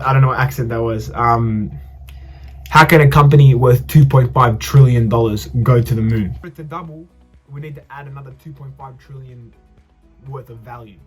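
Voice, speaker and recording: A young adult man, talking through his investments in a loose, chatty vlog, often correcting himself mid-sentence. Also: medium pitch. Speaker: investing vlogger. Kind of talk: casual vlog monologue.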